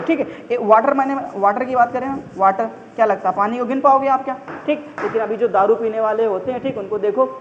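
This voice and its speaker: A man's voice: high-pitched, roomy sound, big-room sound. Brief: friendly male grammar teacher, repetitive, muffled lo-fi recording with faint hiss. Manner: chatty, repetitive, keeps calling listeners brother; everyday examples, constant checking-in fillers. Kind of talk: casual exam-prep grammar lesson.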